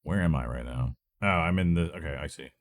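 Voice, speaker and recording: Talking briskly with an extremely low pitch, a let's play gamer rambles and thinks aloud over a video game. He's recovering from illness and congested, which gives his voice a stuffy, nasal quality in this casual commentary.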